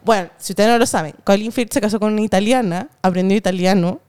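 A young Chilean woman co-hosting a podcast, telling a film story with lively swearing and acted-out lines. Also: mid-range voice, quick pace, clear, resonant tone. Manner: animated storytelling, swears freely, acts out lines. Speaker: podcast co-host. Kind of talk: casual chat.

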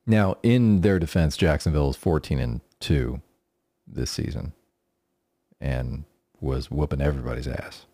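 A man's voice: a bass voice, unhurried, mellow, dry recording. A man co-hosting a casual sports podcast, talking in a laid-back, profane way. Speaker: podcast co-host.

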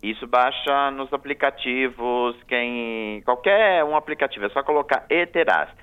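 A man calling into a radio interview, his voice medium-pitched, smooth and measured, lays out travel rules firmly and repeats himself. The line sounds tinny, like a phone on air.

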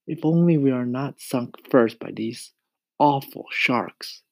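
A man voicing a calm, resourceful young boy in a storybook reading, earnestly explaining a plan. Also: mid-range voice, slow, creaky, dry recording, voice pushed up.

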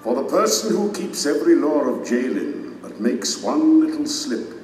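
An actor playing a majestic, stern king and divine judge in an audio drama, speaking in a solemn, deliberate, declamatory manner. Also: fairly high pitch, sing-song, a little mellow. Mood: stern judgment. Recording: echoey reverberant hall, distant, music underneath. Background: dramatic music.

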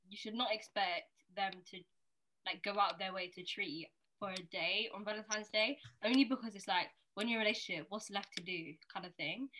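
A young woman speaks in a bright, sharp voice over faint noise and clicks. She explains her opinion casually, hedging as she goes. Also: mid-range voice. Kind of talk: casual opinion in group discussion. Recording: clearly noisy, with clicks.

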